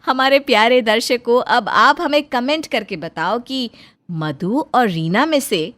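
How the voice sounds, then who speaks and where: A woman giving scripted storybook narration for a cartoon, plain and even, speaking to viewers. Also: fairly high pitch, a little slow.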